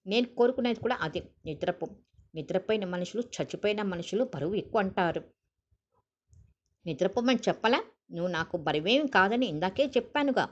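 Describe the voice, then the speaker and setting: A woman voicing a calm, tender young man who speaks softly and briefly, on a dull lo-fi recording. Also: mid-range voice, a little fast, close to an everyday voice. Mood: soothing. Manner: soft, brief, reassuring.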